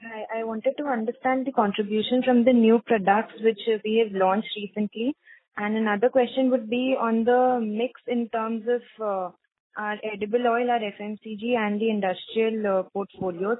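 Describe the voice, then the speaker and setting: A woman analyst putting polite, measured questions on a conference call, heard over a phone line. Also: fairly high pitch, no echo.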